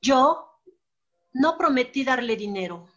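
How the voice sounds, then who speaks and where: Mexican woman reading one line out loud in class, really slow, muffled sound. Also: sits high, expressive, soft background music. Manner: slow deliberate reading with stressed words. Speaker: student. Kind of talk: reading a sentence aloud.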